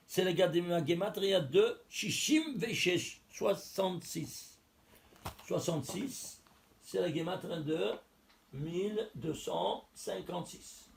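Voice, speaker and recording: A man's voice: high voice, vocal fry. A man giving a religious text lesson, explaining step by step, counting letters aloud and asking and answering his own questions. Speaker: teacher.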